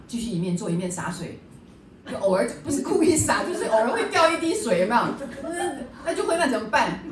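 A woman's voice: a little high, recorded from a distance, slight background noise. A woman teacher leading a book study class, lecturing in a chatty way and often checking in with the class through rhetorical questions. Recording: echoey room, voice a bit off-mic.

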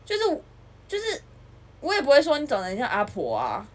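A young woman speaking with a slightly husky voice. Her pitch swings widely as she vents in an animated, casual chat. She keeps breaking into imitations of other people. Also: rapid-fire. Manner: animated ranting, mimics others. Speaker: podcast co-host.

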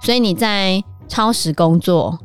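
A woman with a Taiwanese Mandarin accent, co-hosting a book-club podcast, calmly explaining the facts of real cases. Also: mid-range voice, measured pace, clear, resonant tone, soft background music. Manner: explanatory, recounting case facts. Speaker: podcast co-host. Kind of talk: casual book-club chat.

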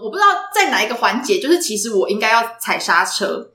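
Lively high-voiced Taiwanese woman storyteller. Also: fast, echoey room. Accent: Taiwanese Mandarin. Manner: lively storytelling, acts out quotes. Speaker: podcast co-host. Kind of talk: casual chat.

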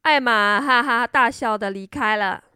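A woman storyteller reading a children's story in a gentle, expressive way. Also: fairly high pitch, a little slow, clean tone, no echo, clean studio sound.

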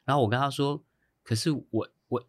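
A man's voice: medium pitch, fairly even intonation, a little fast, no room sound. A man who works as a hairstylist tells a long story in a casual chat, acting out the voices of the people he quotes and laughing often. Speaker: guest.

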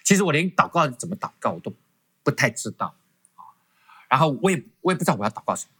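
A man's voice: medium pitch, big pitch swings, fast, fairly bright tone, slightly rough. A man giving a personal testimony as a guest in an interview, telling it animatedly with frequent restarts. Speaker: guest professor.

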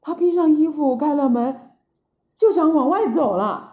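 Female storyteller for children, slow and animated, echoey lo-fi recording. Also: sits high. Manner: lively, drawn-out storytelling.

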